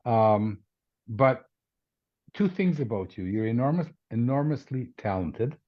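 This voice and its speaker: An older man hosting an interview, talking in a halting, playful way and cutting in with questions. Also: medium pitch, expressive. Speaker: interview host. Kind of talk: casual interview conversation. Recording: slightly dull lo-fi audio.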